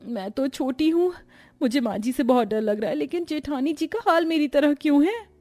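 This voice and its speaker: Lady doing a shy scared young bride, fretting, high voice, cartoon story. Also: expressive, unhurried, dark tone, faint music behind. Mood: fretful. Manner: timid, fretting.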